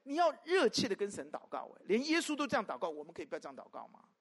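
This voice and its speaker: A pastor preaching a sermon to a congregation, peppering it with rhetorical questions and swinging between loud emphatic calls and soft asides. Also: mid-range voice, racing. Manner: animated, constant rhetorical questions to the listeners.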